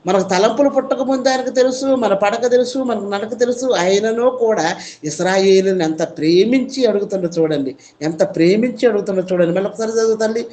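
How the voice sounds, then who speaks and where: A woman's voice: medium pitch, a little fast, warm tone. Woman preacher with emphatic questions. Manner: emphatic, repetitive rhetorical questions. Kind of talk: sermon.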